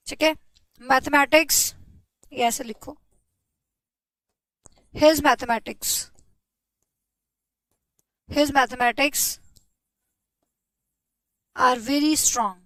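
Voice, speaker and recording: A young woman teaching a grammar lesson in a high, clear voice. She explains patiently, keeps checking that her students follow, and slows right down to dictate example sentences. The sound is dry and close. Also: steady tone, pushed and bright, no room sound, low-quality recording. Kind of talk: online class lecture.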